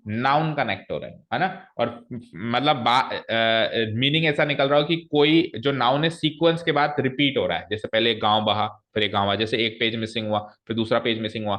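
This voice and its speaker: A man's voice: medium pitch, a bit bright. A man teaching an English grammar lesson to a class, explaining step by step and quizzing his students.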